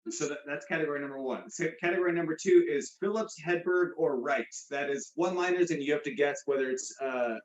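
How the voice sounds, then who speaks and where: A man's voice: on the high side, quick pace, few pauses, reverberant, muffled recording. A man hosting a casual comedy trivia game, rambling with many fillers and restarts. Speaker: host. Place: room with a guest beside him.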